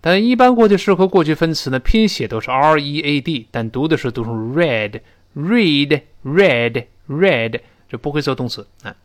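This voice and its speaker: A man teaching a spoken English lesson, explaining phrases and modelling pronunciation slowly. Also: no room sound, clean studio sound. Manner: lively explanatory teaching, rising to high pitch for emphasis.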